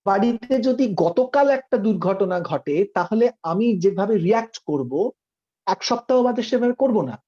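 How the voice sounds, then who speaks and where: A man's voice: very high-pitched, mellow. Earnest male acting teacher, lo-fi sound. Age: middle-aged. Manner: earnest, emphatic, switching into English phrases. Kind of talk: theatre workshop lecture.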